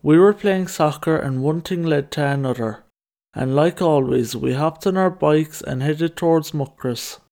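Over music, a young Irishman with a Kerry accent narrates his own story in a scripted first-person documentary. He speaks at a measured pace in a voice on the high side with a darkish tone.

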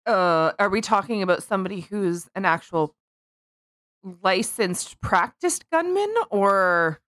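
A woman's voice: medium pitch, animated, a little slow, fairly bright tone, dry recording. A woman hosting a podcast, chatting in a giggly, rambling way. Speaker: podcast host. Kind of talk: casual comedic chat.

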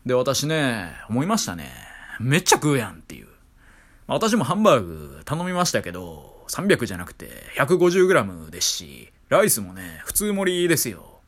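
A man's voice: mid-range voice, huge pitch swings, moderate pace. A man with a Kansai accent, a streamer telling a casual story in a chatty, wry way, full of fillers.

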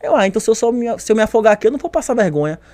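A young man telling a story in casual chat, animated and acting out the voices of others. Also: high-pitched, racing. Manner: animated, acts out voices, lots of slang.

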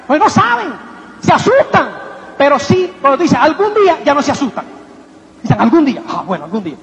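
A man with a very high voice gives a motivational seminar talk, peppering it with rhetorical questions and playful mimicry. His voice rings with a long hall echo, and the recording sounds dull and lo-fi, with a faint hiss behind it. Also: a bit bright. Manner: rhetorical, keeps asking "¿me entiendes?"; acts out little quoted voices and anecdotes. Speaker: motivational speaker.

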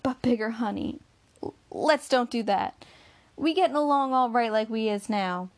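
An anxious young woman pleads and worries, her voice raised and pitched up, as a woman reader puts her on. There is a gravelly edge to it, like a voice in an audiobook. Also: lively intonation, moderate pace. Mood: pleading. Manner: pleading, higher and louder. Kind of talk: audiobook character reading.

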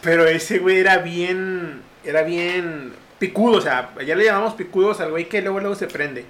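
A man's voice: high voice, normal speed, slight background noise. A young man, telling a story in casual podcast chat, full of slang and acted-out quotes. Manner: slangy, animated, acts out quotes in raised voices. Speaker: podcast host.

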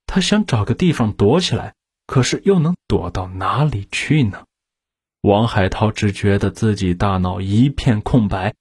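A man narrating a true-crime story in a measured, dramatic storytelling manner. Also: fairly low pitch, darkish tone, breathy edge, no room sound, clean studio sound.

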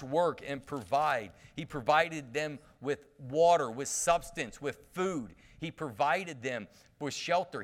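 Male pastor, fairly high voice; emphatic sermon delivery that moves from loud to hushed. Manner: emphatic preaching with call-and-response, swinging from loud to hushed.

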